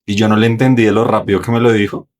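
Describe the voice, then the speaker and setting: Low-voiced Colombian man hosting a podcast. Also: little pitch movement, fast. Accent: Colombian Spanish. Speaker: podcast host. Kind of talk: casual chat.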